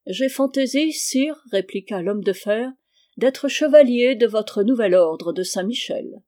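A reader voicing an arrogant armored count in an audiobook, speaking calmly and with quiet menace. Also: mid-range voice, natural voice. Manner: calm, measured, quietly threatening. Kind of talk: audiobook character reading.

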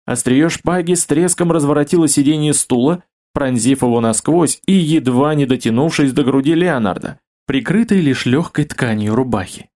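A man reading an adventure novel aloud as audiobook narrator, steady storytelling. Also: a little high, normal speed, hardly any pauses. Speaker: audiobook reader. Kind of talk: scripted narration.

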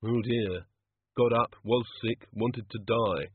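A man's voice: on the low side, steady tone, takes it slowly, husky, dry recording. A man voicing a weary, grumbling male god who speaks with grim, dry irony. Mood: glum. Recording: tinny phone-like sound.

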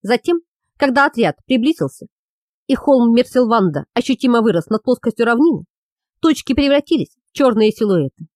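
A woman reading a fantasy novel aloud as an audiobook narrator, in an expressive, measured way. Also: a little high, no echo, clean studio sound.

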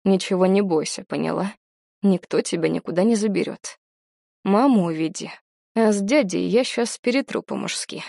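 A woman voicing a brash, cocky young male soldier who talks in a low, teasing purr. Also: moderate pace, gravelly, dark tone, dry recording, clean studio sound.

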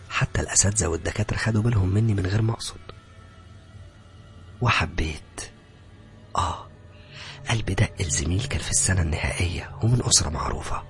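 Speaking with an Egyptian Arabic accent and a low voice, a man dramatically narrates a horror story, his hushed, breathy delivery swelling into loud cries.

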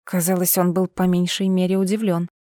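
A woman's voice: lowish voice, little pitch movement, brisk, dark tone, no room sound, studio quality. Woman narrating a first-person audiobook.

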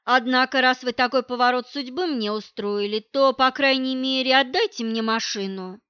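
A woman's voice: high voice, normal speed, a bit bright, clean tone, no echo, highs cut off. Woman reading as a cold, scornful wife. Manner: curt, dismissive, talks down. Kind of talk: audiobook reading.

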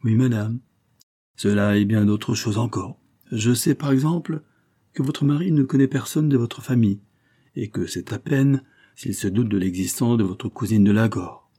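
A man's voice: on the low side, moderate pace, husky. A man reading an audiobook, voicing a scheming, coldly polite marquis who sneers and presses his threats. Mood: insinuating. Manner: sneering, insistent, rising to forceful outbursts.

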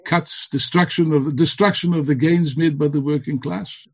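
A husky male orator with a fairly high pitch delivers a fiery revolutionary speech. He drives points home with repetition and rhetorical questions. The sound is slightly dull and lo-fi. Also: fairly even intonation, moderate pace. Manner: emphatic, rhetorical questions and repeated phrases for emphasis. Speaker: political speaker at an online school.

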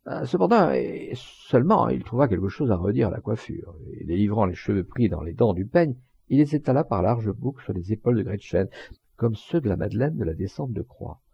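A man narrating a literary audiobook in a measured, expressive reading with varied emphasis. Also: mid-range voice, gravelly, slightly rough, no echo, dull audio.

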